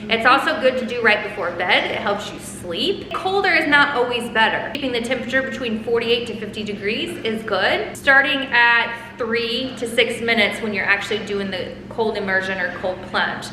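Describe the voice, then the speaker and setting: In an echoey space with faint noise behind her, a family vlogger explains things to viewers with casual enthusiasm. She talks at a normal speed in a fairly high voice, barely stopping for pauses.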